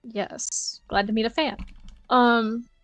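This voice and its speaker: A woman's voice: on the high side, steady tone, takes it slowly, a bit bright, no echo, faint music behind. A woman playing a tabletop game, improvising her character's dialogue in a casual way. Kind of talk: casual improvised role-play.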